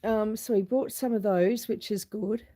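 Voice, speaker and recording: A middle-aged Australian woman, husky and hoarse from a cold, chats casually while greeting viewers on a live stream from her homestead, filming outdoors on her phone's camera. Her voice is mid-range and mellow, with a steady tone at a normal speed.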